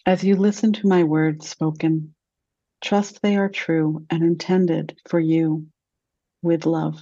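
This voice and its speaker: A woman guides a meditation in a slow, gentle voice with long pauses. Her tone is mellow and her pitch stays flat and even. The recording is dry and a little dull. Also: no room sound.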